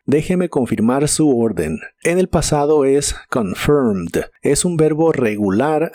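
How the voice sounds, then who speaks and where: A man's voice: medium pitch, darkish tone, no room sound, studio quality. A man narrating a scripted English vocabulary lesson, carefully spelling out and repeating each word's pronunciation. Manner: slow, deliberate pronunciation drills. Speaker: English teacher.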